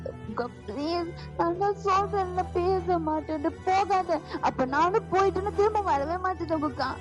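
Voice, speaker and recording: A woman's voice: very high voice, normal speed, pitched above the performer's own voice. A woman voicing a heartbroken young man who pleads tearfully with his boyfriend, repeating his name. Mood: pleading. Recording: lo-fi voice with music behind.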